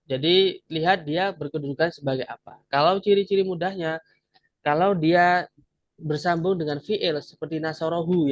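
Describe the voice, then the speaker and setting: A man's voice: on the high side, no echo. A man teaching an Arabic grammar class online, patiently explaining step by step and repeating each word. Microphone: video call. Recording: dull lo-fi video call audio.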